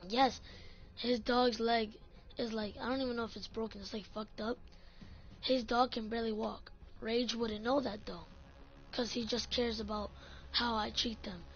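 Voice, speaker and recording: A woman with a fairly high, fairly bright voice rants in a casual vlog about her gaming clan, swearing often and saying "like" constantly. The audio is dull and lo-fi, with faint music underneath.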